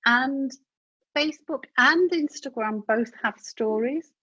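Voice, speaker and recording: A woman's voice: high voice, slow pace, bright, forceful tone, breathy edge, dry recording. A woman giving a business webinar in a chatty, practical way, talking straight to her audience. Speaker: webinar presenter. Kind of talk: instructional webinar talk. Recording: dull dry webinar audio.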